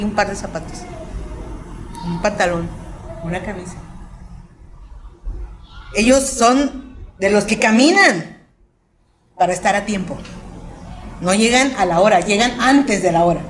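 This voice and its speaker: A woman with a Mexican accent giving a missionary testimony in church, telling her stories in a lively way and acting out what people said. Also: measured pace, pauses often, a little hiss or hum. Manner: animated storytelling, acting out quotes in a high voice. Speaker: missionary speaker.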